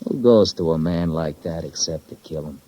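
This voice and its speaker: Through muffled vintage 1950s radio audio with a little hiss or hum, a bass voice with a warm tone speaks at normal speed. It belongs to an actor playing a murder suspect, a tough-talking, bitter and sardonic young failed lawyer with an American accent, firing off clipped, slangy, sarcastic wisecracks in 1950s radio crime drama style.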